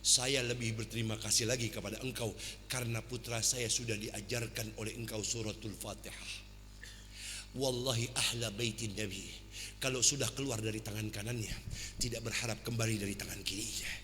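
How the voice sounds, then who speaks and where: A male preacher voicing a noble, gentle elder imam who speaks softly and solemnly, in a sermon story. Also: on the low side, fairly even intonation, fairly quick, slight background noise, voice pushed down. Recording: long hall reverb.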